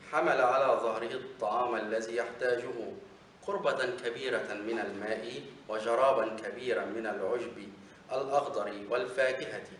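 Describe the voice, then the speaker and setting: A man teacher reading a children's bedtime story aloud in a measured, formal way. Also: mid-range voice, fairly bright tone. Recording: echoey room, distant mic, faint noise.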